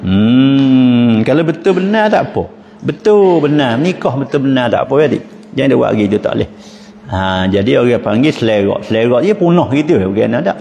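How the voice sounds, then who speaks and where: A man with a Pattani Malay accent, an Islamic teacher giving a lively religious lecture, asking rhetorical questions and chuckling often. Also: medium pitch, gravelly. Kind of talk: religious lecture in local dialect. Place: mosque. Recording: long reverb of mosque hall, faint noise.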